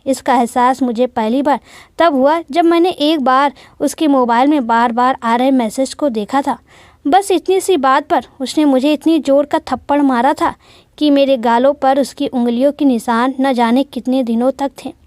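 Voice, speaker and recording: A woman's voice: high voice, moderate pace, darkish tone, dry recording, natural voice. A woman voicing a young wife who tells of an abusive marriage in a sorrowful first-person account.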